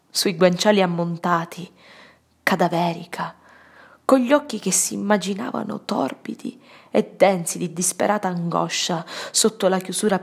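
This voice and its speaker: A woman narrating a literary audiobook in a solemn, dramatic way, often sinking to a hushed whisper. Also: fairly low pitch, creaky, husky.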